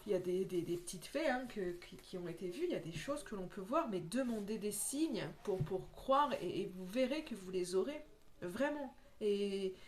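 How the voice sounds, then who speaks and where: A woman's voice: mid-range voice, expressive, normal speed. A woman who works as a medium, talking in a casual spiritual vlog, rambling earnestly with many restarts. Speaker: medium giving oracle card readings.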